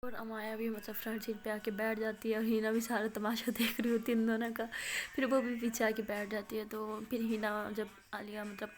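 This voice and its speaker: A woman's voice: on the high side, monotone, moderate pace. A woman telling a love story in a casual, chatty spoken way. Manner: chatty, laughs often.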